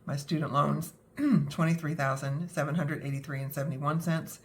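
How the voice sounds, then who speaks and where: A woman's voice: low voice, fairly even intonation, moderate pace. Young woman w/ a cold, scratchy throat, rambly chatty talk, faint hiss behind. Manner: rambling, self-deprecating, with many fillers. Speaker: budgeting vlogger. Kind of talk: casual talk to camera.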